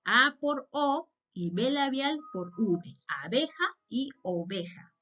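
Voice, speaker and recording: A woman's voice: sits high, lively intonation, takes it slowly, pushed and bright. A woman teacher with a Peruvian accent, giving a patient classroom lesson and often checking in with short questions. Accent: Peruvian Spanish. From Peru. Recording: dull lo-fi sound.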